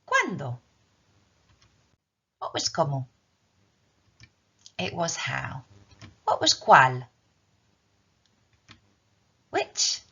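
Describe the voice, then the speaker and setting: A woman teaching key words in a recorded language tutorial, drilling them slowly with repeat-after-me lines. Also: deep voice, wildly swooping pitch, bright, forceful tone, husky. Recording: dull lo-fi recording.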